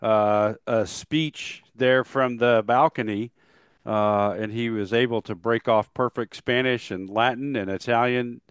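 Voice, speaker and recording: A man co-hosting a casual talk show, easygoing and agreeable, with halting restarts. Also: mid-range voice, steady tone, clean tone, dry recording, studio quality. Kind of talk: casual chat.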